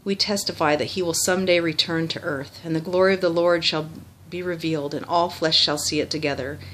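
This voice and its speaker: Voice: mid-range voice, steady tone, brisk, fairly bright tone, a little hiss or hum, poor audio. A person reciting a memorized religious text by rote, formal in wording, with small stumbles and self-corrections.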